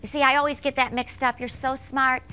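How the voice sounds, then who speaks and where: A woman's voice: high-pitched, flat delivery, fairly quick, sharp tone, clear, resonant tone. A woman telling a story to children on a stage, playfully mixing up the words. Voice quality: playful, mixes up words on purpose. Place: stage before a child audience.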